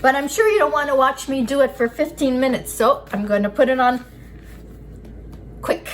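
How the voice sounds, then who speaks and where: A woman's voice: high-pitched, normal speed. A woman giving a casual cooking demonstration as an instructor, explaining each step as she works with her hands. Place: indoors at a work table. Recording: clear background noise, kitchen ambience.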